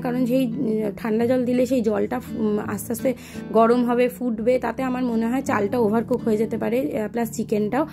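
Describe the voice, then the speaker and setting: A woman's voice: fairly high pitch, gravelly. A young woman from Kolkata, chatting casually as she explains her cooking step by step, with many small fillers. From Kolkata, West Bengal. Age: young adult. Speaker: vlogger and mother. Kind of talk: casual cooking and family vlog.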